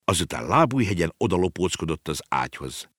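A man reading a children's storybook aloud, with an expressive, varied delivery. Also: low voice, husky, dry recording, studio quality. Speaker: audiobook reader. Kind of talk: storybook narration.

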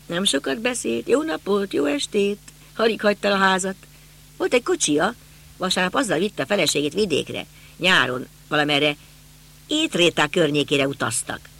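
A man's voice: high-pitched, expressive, creaky, pushed and bright, pitched above the performer's own voice, heavily acted. A man voicing a talkative elderly male neighbor who rambles through old memories. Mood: reminiscing. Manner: rambling, reminiscing.

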